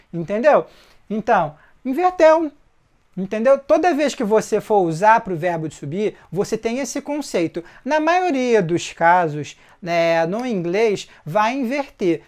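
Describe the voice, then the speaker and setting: Guy teaching english on video, bouncy up-and-down voice, keeps asking if you got it. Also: high-pitched. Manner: lively explaining, checks in often with the viewer. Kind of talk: casual video lesson.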